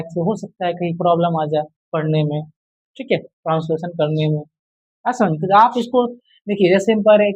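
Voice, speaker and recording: High-voiced man drilling English rules. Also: darkish tone, breathy edge, dull audio. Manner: repetitive quizzing, drills answers aloud; addresses viewers as friend and brother. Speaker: English teacher. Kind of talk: casual spoken lesson.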